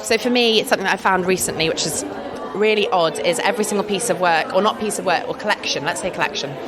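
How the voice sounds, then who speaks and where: At a busy art fair, against a backdrop of crowd chatter, an English-accented woman artist talks fast in a fairly low pitch. She chats eagerly about her work during a casual interview and laughs frequently.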